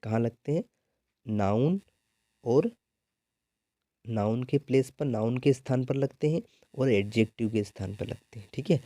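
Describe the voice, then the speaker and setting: A man's voice: mid-range voice, a little slow, long pauses, mellow, no echo, clean studio sound. A man teaching an exam-prep grammar lesson in a Hindi accent, repeatedly asking and answering his own questions. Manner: repetitive call-and-response questioning.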